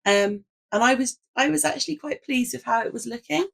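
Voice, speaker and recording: A British woman hosting a casual, chatty craft vlog with a hoarse, croaky frog voice, as if she has nearly lost it. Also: on the high side, brisk, a bit bright. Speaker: host of a craft video.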